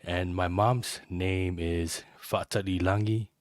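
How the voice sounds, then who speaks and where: A man's voice: low voice, fairly even intonation, takes it slowly, dry recording, clean studio sound. A man from American Samoa in his thirties, a podcast cohost and veteran, talking in a plain, matter-of-fact way in a casual interview.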